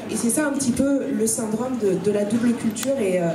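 A fairly high-voiced woman from Congo talks earnestly at a live panel, holding a handheld mic. The sound is roomy and picked up from a distance, with music playing faintly behind her. She keeps a steady pace and pauses often to find her words. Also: crowd noise. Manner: earnest, steady, with frequent hesitations. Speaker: author on a panel. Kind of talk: panel talk. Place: small room at a live event. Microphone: handheld microphone. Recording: roomy, from far off.

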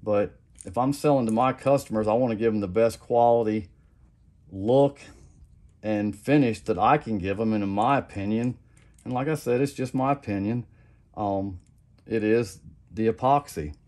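A middle-aged man with a lowish voice and moderate pace casually demonstrates a how-to at his home workbench, where he crafts custom lures. He meanders, often repeating himself and saying "like I said," all in a relaxed, plain-spoken way.

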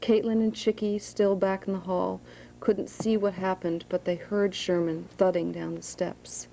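Author reading aloud: woman, dark gravelly voice, unhurried, school room. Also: on the low side, little pitch movement, slight background noise, rough recording. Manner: plain, unhurried reading with asides. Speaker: author reading her novel. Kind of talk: reading a novel aloud to students.

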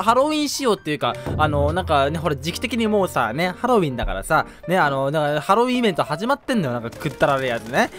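Excitable young man, high lively voice. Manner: excitable, rambling, frequent shouting and laughing. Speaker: gaming video creator. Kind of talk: casual game commentary.

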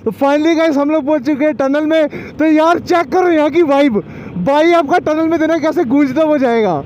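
A man vlogging from his motorbike, talking excitedly as his voice echoes inside a road tunnel. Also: very high-pitched, normal speed, slight background noise. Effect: echoing tunnel. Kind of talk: excited ride commentary.

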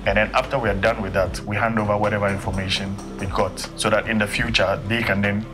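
A man's voice: fairly low pitch, little pitch movement, quick pace. A man from Ghana, a biomedical engineer, explaining his work steadily in a documentary interview. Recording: interview with music bed behind.

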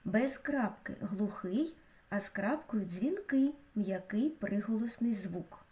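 A woman with a mellow, dark-toned voice narrates a school lesson. She speaks slowly and clearly, like a teacher, pronouncing each sound with care. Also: medium pitch, animated. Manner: slow, clear, teacherly delivery with careful pronunciation. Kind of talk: scripted educational narration.

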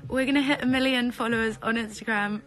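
A woman's voice: a little high, steady tone, fast talker. Tearful young woman on a phone livestream. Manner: tearful, giggly and breathless, swinging between loud outbursts and soft sighs. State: close to tears. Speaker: social media creator on a live stream. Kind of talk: emotional live stream chat.

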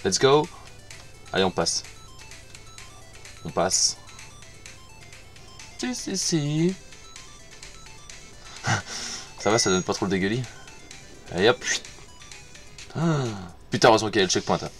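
A man's voice: fairly low pitch, expressive, normal speed, pauses often, soft background music. A man gives casual commentary over his gameplay, muttering to himself, repeating words and swearing when he fails. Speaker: gamer playing on stream.

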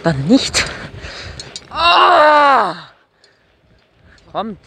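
A man's voice: extremely high pitch, big pitch swings, very slow. Man, voice from a helmet mic, rowdy, hollering on a bike ride, faint background hiss. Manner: rowdy, whooping and yelling while riding. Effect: voice from a mic inside a helmet. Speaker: vlogger. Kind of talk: casual vlog chat. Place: outdoors on a moving bike in the city. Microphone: microphone inside his helmet lining.

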